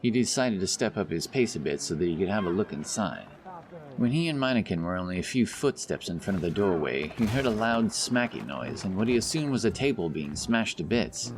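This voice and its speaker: A man narrates a scripted fantasy audiobook as the storyteller, his voice sitting on the low side with background noise. He speaks over loud background music, accompanied by outdoor sound effects.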